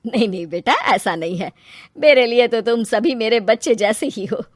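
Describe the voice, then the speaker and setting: A woman plays an older cartoon mother-in-law who dotes on her family. She coaxes and cares in a fairly high voice, recorded close and dry. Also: lively intonation, normal speed, no room sound. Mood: affectionate. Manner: caring, coaxing. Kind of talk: cartoon story character acting.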